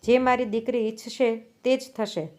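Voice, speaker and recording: A gentle, indulgent mother coaxes her daughter softly, voiced by a woman narrator. The voice sits somewhat high. It is a storybook reading. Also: fairly even intonation, moderate pace, lightly acted. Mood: soothing.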